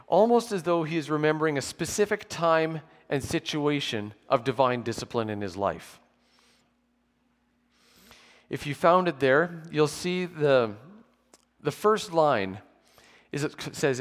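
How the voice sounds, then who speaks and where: A man in his forties preaching a measured, explanatory sermon at a pulpit microphone in a church, with touches of dry humour. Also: on the high side. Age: 40s. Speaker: pastor. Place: church sanctuary with pews. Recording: long church hall reverb.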